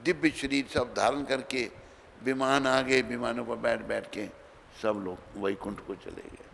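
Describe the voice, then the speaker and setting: A man preaching a sermon in Hindi, telling a story with dramatic swings between loud and soft and acting out the dialogue. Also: mid-range voice, fairly even intonation, a little slow, gravelly. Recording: reverberant hall with faint background noise.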